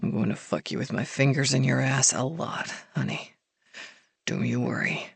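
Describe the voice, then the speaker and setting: A woman narrator voicing an intense, commanding young man in a low, husky, half-whispered murmur with gritted-out commands. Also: unhurried, no room sound, exaggerated voice.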